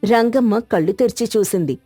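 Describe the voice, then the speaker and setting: A woman giving steady, scripted storybook narration. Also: medium pitch, brisk, breathy edge, no echo, faint music behind.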